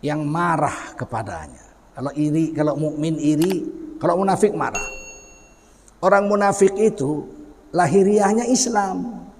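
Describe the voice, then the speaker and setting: A middle-aged man delivers a lively sermon. He mocks and acts out the people he describes. His voice sits a little high and rings with a long hall reverb. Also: vocal fry. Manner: animated, mocking, acts out quoted people. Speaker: preacher.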